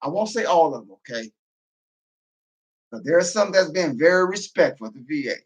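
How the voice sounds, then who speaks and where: Animated, loud-talking man on a profane rant. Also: on the high side, a little fast. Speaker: military veteran. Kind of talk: casual profane monologue.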